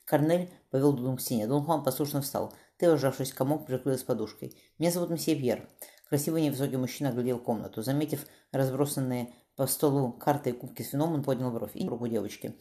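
A woman narrating a historical novel aloud as an audiobook, in a brisk, even reading. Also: extremely low pitch.

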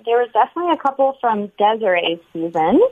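A woman in her thirties chats as a podcast guest, teasing and curious. Her voice sits a little high. The sound is thin and narrow, as if it comes over a phone. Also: very animated, quick pace, no echo. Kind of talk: casual chat.

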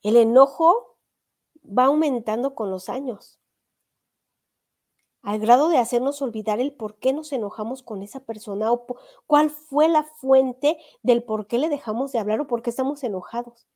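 Lady talking to her listeners, kinda high voice but warm, lots of questions thrown at you. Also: moderate pace. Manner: earnest, addresses listeners directly with rhetorical questions. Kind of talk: motivational talk on forgiveness.

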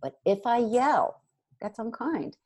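A woman giving parenting advice in casual chat, animated and acting out what parents and kids might say. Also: on the high side, takes it slowly. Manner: animated, acts out quoted dialogue. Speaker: parenting guest expert.

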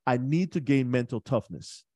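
A man hosting a podcast who asks his guest questions in an earnest, halting way, often restarting his sentences. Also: medium pitch, dark tone, no room sound. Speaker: podcast host. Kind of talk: casual interview chat.

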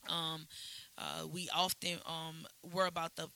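Woman host giving a pep talk, bright voice, repeats herself in rhythm. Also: low voice, level tone, unhurried, low-quality recording. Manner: motivational, rhythmic and repetitive. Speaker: podcast host. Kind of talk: casual podcast chat.

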